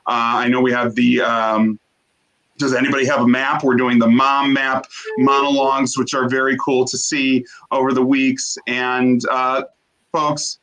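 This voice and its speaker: A man of middle pitch hosting a show over a video call from his home. He speaks in halting stretches full of "uh" fillers, earnest and grateful as he thanks his guests and his audience. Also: flat delivery, a bit bright, low-quality recording. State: briefly emotional, coughing. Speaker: host. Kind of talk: casual closing remarks on a video call.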